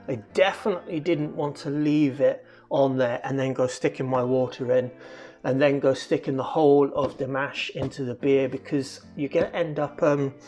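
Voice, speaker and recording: A homebrewer walks through each step in an easygoing, explanatory way, often pausing on ums and uhs. The voice sits at a middling pitch. Faint music plays underneath the talk. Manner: relaxed, explanatory, many fillers. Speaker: homebrewer hosting the channel. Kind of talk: casual how-to narration.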